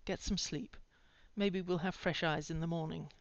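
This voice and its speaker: A woman reading as a worried, gentle older man. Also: on the low side, fairly even intonation, moderate pace, no room sound, natural voice. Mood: soft reassuring. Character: worried middle-aged male librarian mentor. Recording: dry, slightly dull recording.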